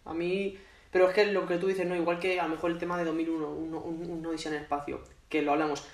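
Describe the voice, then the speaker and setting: A man's voice: fairly high pitch, flat delivery, fast. A man with a Spain Spanish accent, casually chatting about a film as co-host and peppering his talk with swearing and tag questions. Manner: chatty, swears freely, lots of "¿no?". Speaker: podcast co-host. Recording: echoey room.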